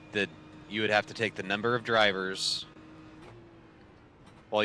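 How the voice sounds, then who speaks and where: A man in his thirties with a low, deep voice talks casually to his stream viewers from his home racing rig. His tone is bright and forward, and he rambles through the story with plenty of fillers and dry sarcasm. A faint hum sits behind him. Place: home sim racing setup.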